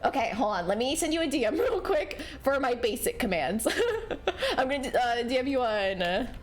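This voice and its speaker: Bubbly, high-pitched cute woman streamer. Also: moderate pace, slight background noise. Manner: bubbly, cute, excitable streamer greetings and exclamations; giggly, apologetic. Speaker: game livestreamer. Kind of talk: casual livestream chat while gaming. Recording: music behind the voice. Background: music.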